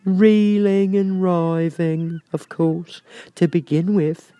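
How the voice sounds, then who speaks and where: A man voicing a mournful, self-pitying old turtle creature in a storybook reading, with drawn-out, sighing, doleful delivery. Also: high voice, little pitch movement, mellow, clean tone, no echo, voice pushed up. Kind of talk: storybook character voice.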